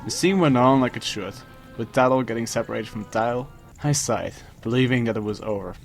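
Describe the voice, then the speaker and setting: A man reading a scripted first-person horror story, dramatically, with pauses for suspense. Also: medium pitch. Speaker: creepypasta narrator. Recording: music behind the voice. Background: music.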